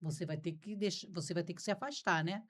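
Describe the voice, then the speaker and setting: A woman's voice: fairly low pitch, a little fast. A Brazilian woman hosting a podcast, talking frankly and informally. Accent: Brazilian Portuguese. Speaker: podcast host. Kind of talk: conversational interview.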